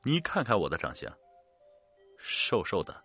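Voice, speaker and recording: A man with a fairly low voice tells a horror story in a measured, dramatic way, slowing down for suspense. His pitch swings widely between deep murmurs and sharp rises. Faint music plays underneath. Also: huge pitch swings, vocal fry, breathy edge. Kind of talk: scripted narration of a horror story.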